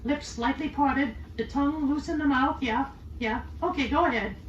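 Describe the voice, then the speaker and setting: A man voicing a squeaky ventriloquist dummy, an eager, hesitant boyish pupil in a scripted comic lesson. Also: a bit bright, distant mic. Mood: earnest. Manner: eager, hesitant, repeating practice phrases slowly. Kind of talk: scripted comic instructional dialogue. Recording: roomy, dull, faintly noisy old record.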